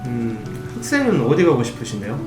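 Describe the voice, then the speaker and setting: A man's voice: medium pitch, wildly swooping pitch, a little fast, reverberant, music in the background. A man playing a blunt male job counselor. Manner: blunt, matter-of-fact advice.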